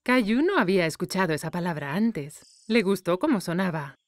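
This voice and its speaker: A woman's voice: lowish voice, sing-song, fairly quick. A woman narrating a scripted children's cartoon story. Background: music.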